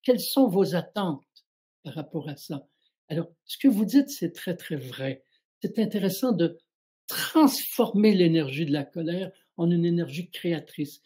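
A middle-aged man speaks as a spiritual guide on a live show, answering questions from his audience. His voice is mellow and a little husky. He talks calmly and reflectively, addressing each listener directly. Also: on the high side, measured pace.

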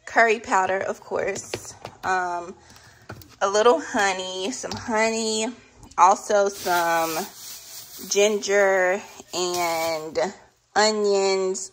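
This thirtysomething vlogger from the American South chats to camera about her groceries, Southern accent in full use and "y'all" coming up often. Her voice is lowish and fairly bright, and the recording is low quality.

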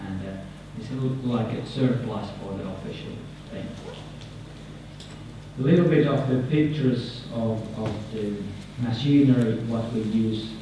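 A man in his thirties with a Finnish accent gives a halting conference presentation, often repeating words and letting his phrases trail off. His voice sits a little low. It rings through a large, echoey hall, picked up from some distance over steady background noise. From Finland. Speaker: conference speaker. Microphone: podium microphone.

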